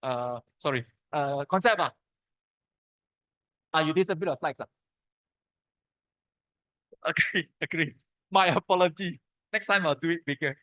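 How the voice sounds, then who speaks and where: A man with a Malaysian accent lectures in an informal, colloquial way. His voice sits a little high and is recorded fairly dry. He talks in short, punchy phrases capped with particles. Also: unhurried, long pauses, pushed and bright, no echo. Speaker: lecturer presenting to architects.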